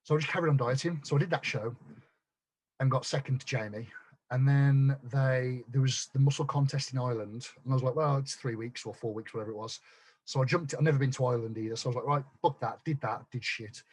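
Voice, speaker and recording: A man telling his story as a guest on a podcast, blunt and quick to swear, tripping over restarts. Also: mid-range voice, a little mellow, breathy edge. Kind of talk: casual chat.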